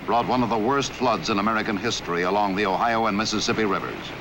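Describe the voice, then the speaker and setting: A man narrating a scripted historical newsreel documentary in a measured, authoritative way. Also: fairly low pitch, animated, background noise. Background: background music.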